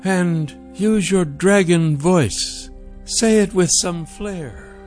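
A man's voice: high voice, drawn-out words, darkish tone, faint music behind, pitched above the performer's own voice. Man doing a lofty, teasing noblewoman. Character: poised, teasing young noblewoman ruler.

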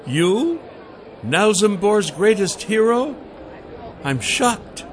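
A man's voice: sits high, very animated, drawn-out words, some chatter behind, pitched above the performer's own voice, exaggerated voice. A man voicing a poised, teasing young noblewoman ruler who speaks in a lofty, coaxing way. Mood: mock-shocked.

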